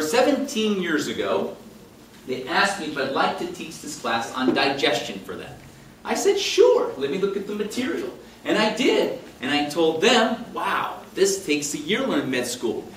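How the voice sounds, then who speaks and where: A man in his fifties, a chiropractor teaching a live class, animated and jokey, slipping into quoted voices. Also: fairly high pitch. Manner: animated, jokey, talks with big hand gestures and quoted voices. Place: meeting room with projector screen. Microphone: far camera in the room. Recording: roomy and distant with faint hum.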